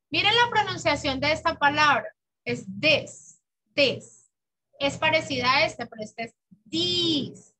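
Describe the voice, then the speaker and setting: A woman teaching English to children, patiently drilling words slowly and clearly in a bilingual lesson. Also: high voice, sharp tone, low-quality recording. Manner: patient, exaggerated slow pronunciation for children. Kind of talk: bilingual classroom lesson, slow drilled repetition.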